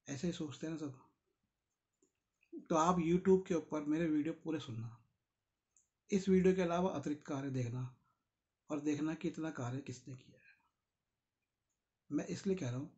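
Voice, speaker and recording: A man's voice: on the high side, darkish tone, lo-fi sound. Tired man explaining. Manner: conversational, explains terms, asks listeners directly. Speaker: reader and explainer of a Buddhist book. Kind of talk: casual spoken commentary on a read text.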